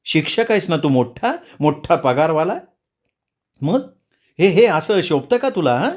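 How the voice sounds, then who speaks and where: A man voicing an older mother in a storybook, scolding her son with shrill, indignant questions. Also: sing-song, a little slow. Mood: outraged.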